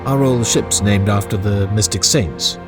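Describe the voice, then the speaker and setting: In an audio drama, an actor plays a witty male chamberlain, a playful, teasing courtier who laughs often and sounds wry. His voice is lowish, at a moderate pace, close to everyday speech, and heard over music.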